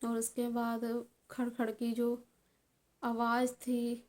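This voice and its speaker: A young woman vlogger telling a personal story in an earnest, halting way, with many fillers and restarts. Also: fairly high pitch, monotone, a little mellow.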